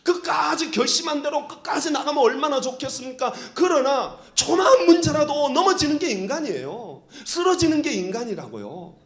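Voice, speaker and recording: A male pastor preaching a sermon, moving between shouted prayer and hushed whispers. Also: very high-pitched, animated, moderate pace, hardly any pauses. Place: church sanctuary. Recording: echoey church hall.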